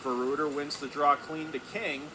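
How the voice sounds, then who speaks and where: This is live radio hockey commentary from a man whose somewhat high voice holds a steady tone at normal speed. He calls the play in clipped bursts that rise with the action, while loud arena noise fills the background throughout.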